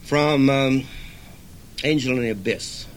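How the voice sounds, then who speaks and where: An older man, a poet, reading his own verse in a measured, solemn recital, with hesitant asides between pieces. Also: mid-range voice, noisy background. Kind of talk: poetry reading.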